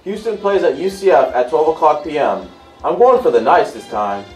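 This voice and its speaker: A man's voice: on the high side, big pitch swings, moderate pace, darkish tone, recorded from a distance. A playful man presenting on a sports panel and casually giving his picks. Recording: roomy echo, faint music behind.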